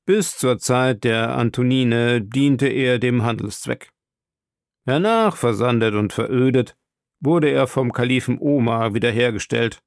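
A man narrating an audiobook in a steady, measured reading. His voice has a gravelly fry, and the sound is dry and close to the microphone. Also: medium pitch, no echo.

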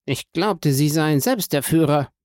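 A man's voice: fairly high pitch, expressive, unhurried, a little mellow, no echo, studio quality, pitched above the performer's own voice. A man reading an audiobook and voicing a panicked, greedy banker held prisoner, who pleads and bargains in frantic outbursts. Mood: questioning.

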